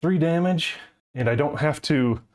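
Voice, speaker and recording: A man's voice: on the high side, unhurried, a little mellow. Breathless man talking through a board game. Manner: muttering rules to himself, chuckling. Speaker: solo board game streamer. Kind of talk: thinking aloud while playing.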